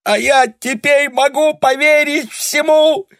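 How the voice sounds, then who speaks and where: A man doing a shrill, tearful young woman. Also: expressive, measured pace, no room sound, studio quality. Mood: hysterical. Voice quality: burred r. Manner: shrill, shouting.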